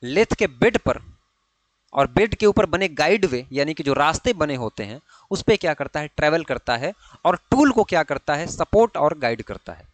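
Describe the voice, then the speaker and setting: A man's voice: fairly high pitch, sing-song, moderate pace, no room sound. Man teaching, quizzing himself aloud. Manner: question-and-answer teaching, asks then answers himself; frequent checking tags, repeats key terms. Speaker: ITI fitter exam teacher. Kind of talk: online classroom lecture.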